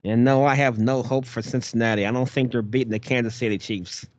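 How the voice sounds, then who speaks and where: A man's voice: mid-range voice, brisk, dry recording, lo-fi sound. A man co-hosting a podcast, chatting casually and playfully about football. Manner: animated, playful teasing. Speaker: podcast co-host. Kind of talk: casual sports chat. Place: Detroit.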